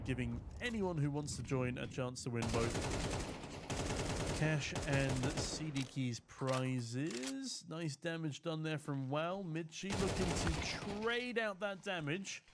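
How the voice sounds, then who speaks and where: Against background noise, a UK caster with a fairly high voice handles solo esports commentary. Between calling plays he jokes around and reads out comments from his viewers' chat.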